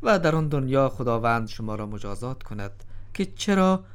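A man doing a calm, clever young slave. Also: mid-range voice, clear, resonant tone, natural voice. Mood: calm, reasoning. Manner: composed, cool-headed pleading. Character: clever calm male slave before the king. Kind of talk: storybook drama reading.

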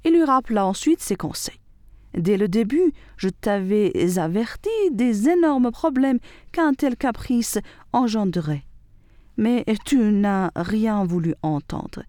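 A woman's voice: mid-range voice, animated, slow pace, mellow, no echo, clean studio sound. A woman voicing a stern, wise old male prophet in a storybook who questions and warns.

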